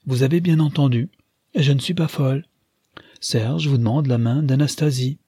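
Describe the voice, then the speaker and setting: Man doing a brisk, grave grandmother. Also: mid-range voice, mellow, husky, dry recording, clean studio sound, pitched above the performer's own voice. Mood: emphatic. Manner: brisk and emphatic, gets straight to the point.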